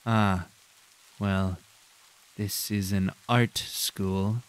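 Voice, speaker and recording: A condescending professor , put on by a man, drones in a flat, nasal monotone, each word drawn out coldly. The tone stays smooth and clean, never rising or falling much. He sounds bored by the tour he is giving. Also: fairly low pitch, natural voice. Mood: smug. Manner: cold, slow and drawn-out.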